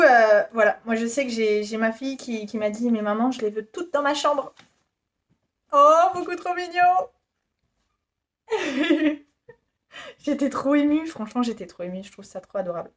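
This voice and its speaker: Casting: upbeat woman vlogger in her thirties, giggly and gushing, a little higher voice. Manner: giggly, self-deprecating, gushing. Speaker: YouTuber presenting her shop. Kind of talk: casual chatty vlog.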